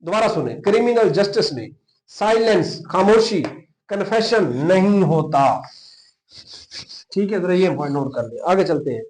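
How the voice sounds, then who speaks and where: Speaking at a normal pace with lively intonation, a Pakistani man with a high, darkish voice lectures police exam candidates on law. His Urdu is mixed with English legal terms, and he repeats key points emphatically, spells out terms, and checks whether students follow. The audio is poor.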